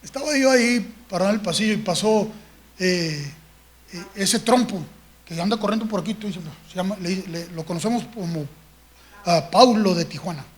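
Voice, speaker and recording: A man's voice: high-pitched, moderate pace, slight background noise. A man, a pastor preaching a sermon in a conversational, storytelling way with frequent tag questions. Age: 60s.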